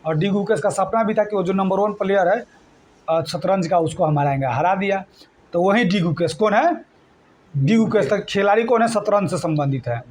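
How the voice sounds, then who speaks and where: A man's voice: high voice, moderate pace, a little mellow, slight background noise. A male teacher leading a classroom exam-prep lesson, quizzing students with call-and-response questions and repeating mnemonics. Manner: repetitive mnemonic chanting.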